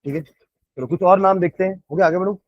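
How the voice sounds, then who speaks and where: A man teaching chemistry who explains quickly and then dictates notes slowly, word by word. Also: high voice, no room sound, muffled recording. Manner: switches between rapid explanation and slow word-by-word dictation. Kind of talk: classroom lecture, dictating notes.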